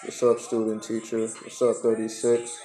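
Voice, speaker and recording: Mellow man with slightly stuffed nose, roomy echo. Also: fairly low pitch, completely flat delivery, normal speed. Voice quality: slightly stuffed nose, tissue in one nostril. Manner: slangy, profane, repeating phrases. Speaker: livestream host. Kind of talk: casual livestream chat with shout-outs. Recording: roomy echo, music behind.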